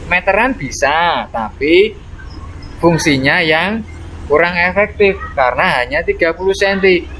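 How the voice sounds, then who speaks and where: Brief: male teacher, slightly high voice, patient and explaining for small kids, faint noise in the background. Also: animated, a little slow, bright, forceful tone. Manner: patient explaining, frequent "nah" and "ya" tags. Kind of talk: online lesson for young children.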